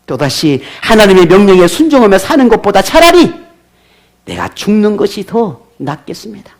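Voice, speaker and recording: A man's voice: high-pitched, wildly swooping pitch, moderate pace, full character voice. A man voicing a resentful grown man who complains bitterly to God in indignant protest.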